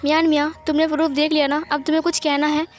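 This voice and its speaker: A woman's voice: sits high, little pitch movement, quick pace, soft background music, natural voice. A woman voicing a protective, emotional young man in a fan-fiction reading, talking earnestly and pleading. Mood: firm. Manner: earnest, pleading, tearful at times.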